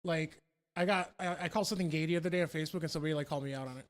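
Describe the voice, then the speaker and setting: A man in his thirties talks fast and chatty on a podcast. His voice sits high, and he laughs at his own remarks as he goes. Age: 30s. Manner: quick, chatty, laughs at himself. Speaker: podcast co-host. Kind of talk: casual crude banter.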